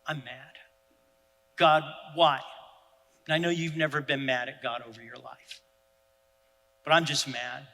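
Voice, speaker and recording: A male pastor, preaching in an animated, self-deprecating storytelling style. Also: mid-range voice, normal speed, long pauses, big-room sound, low-quality recording. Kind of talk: sermon storytelling.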